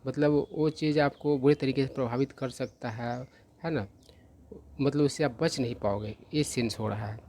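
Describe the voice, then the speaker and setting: A man with a mid-range, somewhat dark voice teaches English vocabulary in Hindi, with a faint hiss or hum in the background. He goes slowly and patiently through each word, carefully spelling out its pronunciation. He keeps checking understanding with a repeated "ठीक है."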